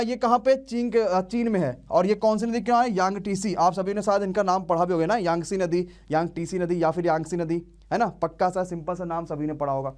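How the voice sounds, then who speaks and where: A young man teaching an online exam-prep class, quizzing students and drilling answers call-and-response style. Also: high voice.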